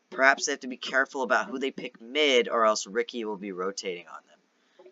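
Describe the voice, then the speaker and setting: Bright-voiced male esports caster, lo-fi mic. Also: on the low side. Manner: esports caster delivery, analytical and explanatory. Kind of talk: live esports match commentary.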